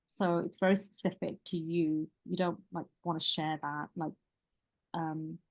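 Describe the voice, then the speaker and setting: A woman coach with a slightly low voice, talking her group through a live online workshop. She rambles in a relaxed, chatty way, breaking off and restarting her sentences as she goes. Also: measured pace. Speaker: leadership coach.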